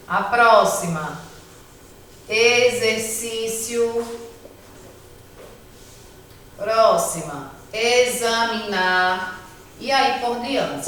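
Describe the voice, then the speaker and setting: A Brazilian woman teacher giving a patient, slow lesson to children, sounding out words one by one. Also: on the high side, fairly bright tone, far from the mic, slight background noise. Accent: Brazilian Portuguese. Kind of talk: remote class lesson for children. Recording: echoey room, voice from off mic.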